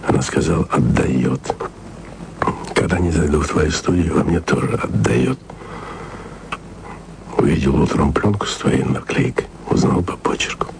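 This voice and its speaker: An actor in a radio drama voices a wry, lovesick radio man murmuring confiding messages onto tape for a colleague, his low, gravelly voice often close to a whisper. The performance is expressive and heavily acted, a little slow with frequent pauses, intimate and self-ironic in manner and mood. It's captured on a noisy tape recording.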